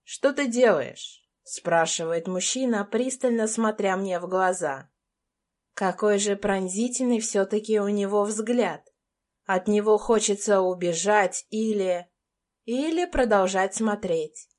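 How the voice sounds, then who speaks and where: A woman's voice: mid-range voice, measured pace, a little mellow. A young adult woman reading a first-person romance audiobook as an anxious, tense inner monologue. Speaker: audiobook narrator.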